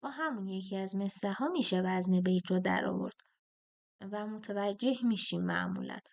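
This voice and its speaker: A woman teacher talking students through a poetry test question, chanting the meter feet slowly. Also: medium pitch, creaky, a little mellow.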